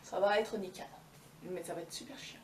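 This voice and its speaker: A woman voicing a slow, solemn giant tortoise, drawn-out and high, in an echoey room from a distance. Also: a little hiss or hum, natural voice.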